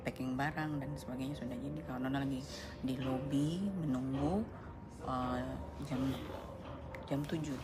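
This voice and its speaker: A woman's voice: extremely low pitch, steady tone, moderate pace. A woman in her forties vlogging casually from a hospital, chatting and slipping into broken English. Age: 40s. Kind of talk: casual vlog chat. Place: hospital lobby and clinic rooms. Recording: echoey room, distant mic, loud background noise.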